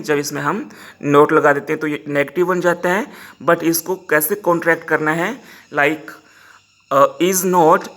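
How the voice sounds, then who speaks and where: Man teaching English pronunciation slowly. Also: on the high side, a bit bright. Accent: Indian English. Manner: explains in Hindi, slowly models English words. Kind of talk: Hindi-English pronunciation lesson.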